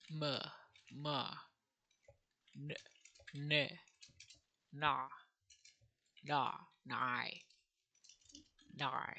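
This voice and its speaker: Her bass voice carries vocal fry and a sharp tone, with a little hiss or hum in the background. She's a language learner vlogger teaching herself on camera, thinking aloud and playfully mocking herself as she sounds out syllables.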